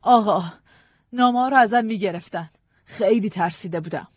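A woman's voice: mid-range voice, no room sound, close to an everyday voice. A woman voicing a frightened, hesitant wife. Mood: anxious. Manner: hesitant, stammering, pleading. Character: frightened, guarded woman, wife of an arrested man. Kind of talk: audiobook drama reading.

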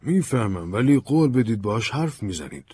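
A man's voice: mid-range voice, very animated, dark tone, husky, no echo, studio quality. A man doing a persistent, insistent investigator. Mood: urgent. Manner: insistent, persuasive. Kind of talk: audiobook drama reading.

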